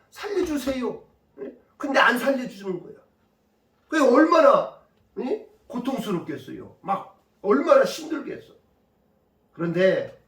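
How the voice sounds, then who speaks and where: A male pastor preaching emphatically, firing rhetorical questions at his congregation. His voice is very high and swings widely, and it rings through a roomy church from a distance. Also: a bit bright. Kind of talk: sermon. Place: church sanctuary.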